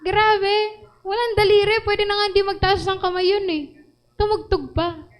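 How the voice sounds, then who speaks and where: A woman preacher with a Filipino accent delivering an animated sermon, mixing Tagalog and English and asking the congregation questions. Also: extremely high pitch, moderate pace, poor audio.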